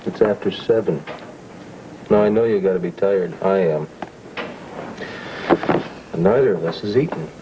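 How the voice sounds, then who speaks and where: An actor playing a firm, protective newspaper publisher in a soap opera, heard from a worn VHS tape copy. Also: male voice, low voice, moderate pace, pauses often. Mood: tender. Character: stern male newspaper publisher, middle-aged. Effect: worn VHS tape copy, dull and hissy. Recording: dull lo-fi tape with faint hiss.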